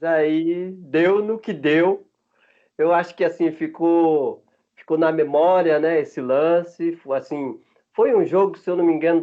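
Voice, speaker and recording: A former footballer in his fifties from Minas Gerais, speaking Brazilian Portuguese with a Minas Gerais accent, tells stories in a relaxed interview. His voice sits high, and he's chatty, often laughing between halting restarts. The recording has a dull, lo-fi sound.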